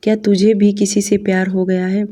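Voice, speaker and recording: A young man devoted to his beloved teases his little brother fondly, as a woman narrator reads him. The voice is warm and mellow, relaxed and affectionate. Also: mid-range voice, moderate pace, lightly acted. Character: lovesick, teasing young man, elder brother.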